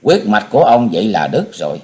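A man's voice: lowish voice, sing-song, fairly quick, darkish tone. A man voicing a resigned, grieving mother in an audiobook story.

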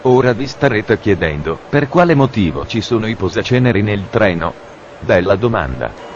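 A man making deadpan, formal mock train announcements, as if heard over a train station PA system. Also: on the low side, moderate pace, lo-fi sound, slight background noise.

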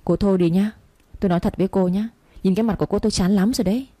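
Woman doing a sneering con man, quick mocking delivery, warm low tone. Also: steady tone, no echo, lightly acted. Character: sneering treacherous male lover, fake priest.

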